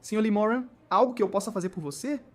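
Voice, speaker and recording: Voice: medium pitch, racing, soft background music, lightly acted. A narrator doing a fawning old school principal. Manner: eager and ingratiating.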